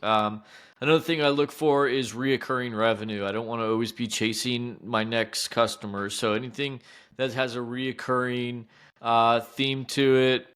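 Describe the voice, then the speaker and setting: A man's voice: medium pitch, fairly even intonation, moderate pace, fairly bright tone, smooth. A man co-hosting an advice podcast as an accountant, talking in a friendly, chatty way and explaining with everyday examples. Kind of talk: casual advice talk.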